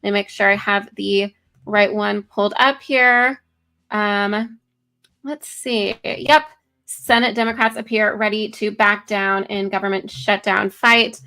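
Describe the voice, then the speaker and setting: A woman's voice: medium pitch, steady tone, measured pace, pushed and bright. A woman co-hosting a casual political talk show, reading news articles aloud with many fillers and self-corrections. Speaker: co-host.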